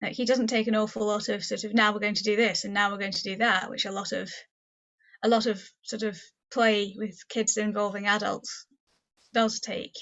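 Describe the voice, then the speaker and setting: A woman's voice: mid-range voice, little pitch movement, normal speed, fairly bright tone. Hesitant woman, lo-fi podcast sound. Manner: hesitant, searching for words. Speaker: podcast co-host. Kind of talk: casual chat.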